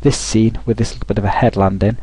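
A man talking through a software tutorial over a screen recording, thinking aloud with frequent restarts. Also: fairly low pitch, little pitch movement, fast, husky, dry recording, low-quality recording.

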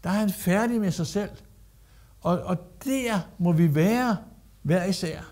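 High-voiced Danish-speaking preacher. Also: male voice, darkish tone. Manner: emphatic, repeats phrases, acts out Bible quotes. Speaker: guest preacher. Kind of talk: sermon.

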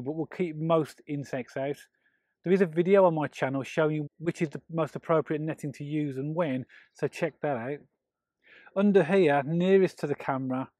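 A man's voice: a little high, no echo. Middle-aged man giving a dry, close garden tour. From England. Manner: friendly, explanatory, steady walkthrough. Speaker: allotment gardening channel host. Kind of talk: walking garden tour with tips. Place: outdoor allotment and polytunnel.

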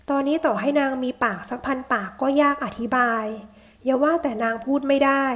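A woman reading a translated period novel aloud in a steady, even storytelling voice. Her voice sits high. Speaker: audiobook narrator. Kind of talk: scripted narration of a translated novel.

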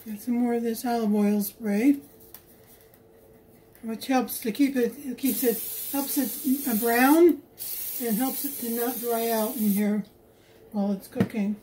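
A woman's voice: a little high, fairly even intonation, a little slow, pauses often, warm tone, slight background noise. A woman talking viewers through her home cooking in a homey, chatty way, recorded on a phone in her kitchen. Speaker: home cook vlogger. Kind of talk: casual cook-along narration. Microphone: phone camera held while cooking.

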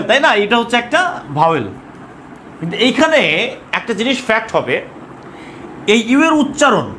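A man's voice: very high-pitched, fairly bright tone, slight background noise. A man with a Bangladeshi accent teaching an English grammar class, asking questions and repeating words as he drills students.

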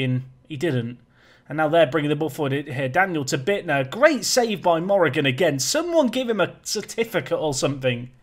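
A gaming YouTuber talks casually over a football management game, joking and poking fun at himself. His voice sits a touch high for a man and sounds slightly raspy and worn today.

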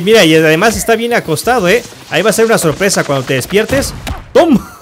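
A man's voice: high-pitched, slight background noise. A man giving playful gameplay commentary, teasing and mock-insulting, often laughing and yelping. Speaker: gaming youtuber.

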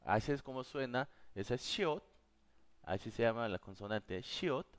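Slow, patient man teaching live. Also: medium pitch, animated. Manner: slow, patient, answers viewers' questions. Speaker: Korean teacher. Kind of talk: live online class.

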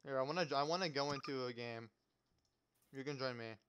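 A man's voice: mid-range voice, a little fast, fairly bright tone, clean tone. A man in a casual gaming chat, playful and teasing, who laughs often. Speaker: gamer. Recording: noisy mic with clicking.

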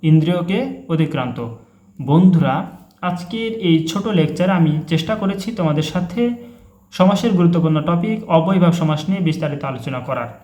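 A young man gives an online grammar lesson, naming each example word and then explaining it. His voice sits somewhat high. The recording has a noticeable room echo. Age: young adult. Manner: calls out each example word, then its meaning, in a steady teaching rhythm. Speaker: grammar tutor. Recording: echoey room.

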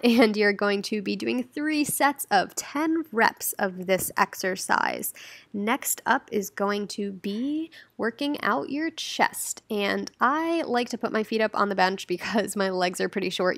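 A woman's voice: medium pitch, vocal fry, fairly bright tone, no echo. A young woman in her twenties talking through a gym workout in a friendly, encouraging instructional voice-over. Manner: friendly, encouraging step-by-step coaching. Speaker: fitness vlogger.

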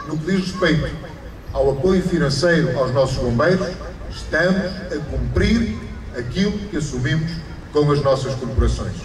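A middle-aged man with a European Portuguese accent giving a formal mayoral speech at an outdoor ceremony, speaking emphatically with repeated phrases and rising stresses. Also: on the high side. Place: outdoors under an awning at a ceremony. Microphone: stand microphone through a PA, filmed from afar. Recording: PA echo outdoors, distant camera, crowd.

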